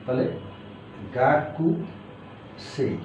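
A man's voice: medium pitch, very slow, noisy background. A man teaching a language lesson, patiently repeating and spelling out syllables one at a time. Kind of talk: spoken grammar lecture. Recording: echoey, dull lo-fi room sound.

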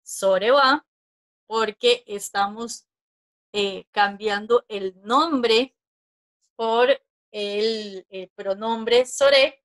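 A woman's voice: fairly high pitch, very slow, a bit bright. A woman teaching a class over a video call, patiently counting strokes aloud and often checking in with her listeners. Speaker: Japanese teacher. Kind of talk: online class explanation.

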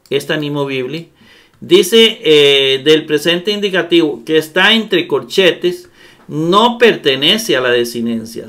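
A man's voice: fairly high pitch, a bit bright. A man giving a recorded grammar lesson, explaining patiently step by step and often checking in with his students. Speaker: Greek grammar teacher.

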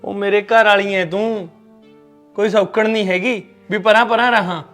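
A man's voice: high voice, fairly even intonation, normal speed, a bit bright, faint music behind. An actor playing an exasperated, teasing husband arguing with his wife in a short film. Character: exasperated joking young husband.

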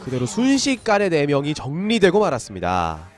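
A man's voice: a little high, wildly swooping pitch, a little fast, faint music behind. A man giving play-by-play commentary on a live game as an esports caster.

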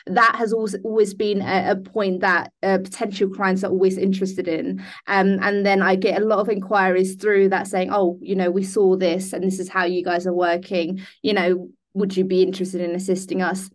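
A woman's voice: mid-range voice, flat delivery, moderate pace, few pauses. A young woman born in Denmark, a business founder speaking in a video call interview, hesitant with many ums and restarts. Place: indoor room. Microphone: laptop webcam on a video call.

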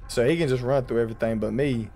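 A young man giving casual, jokey commentary while playing a horror driving game, slangy and quick to yelp when startled. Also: mid-range voice, dark tone. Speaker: gaming YouTuber.

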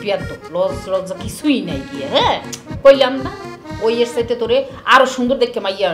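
A woman's voice: on the high side, expressive, echoey room, over music, close to an everyday voice. An actress playing a scolding village mother with an in a comedy TV drama. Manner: scolding, quick-tongued.

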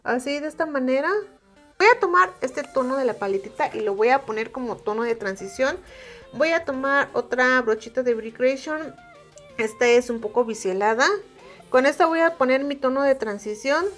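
Woman, Mexican Spanish accent, high voice, makeup demo, patient instructions. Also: normal speed, faint music behind. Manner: calm step-by-step instructing. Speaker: makeup reviewer.

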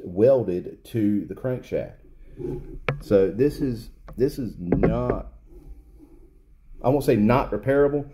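With a faint hiss or hum in the audio, a technician with a lowish, dark voice explains repairing a pump in his workshop. He stays off camera behind the bench, speaking plainly and loosely with fillers and restarts.

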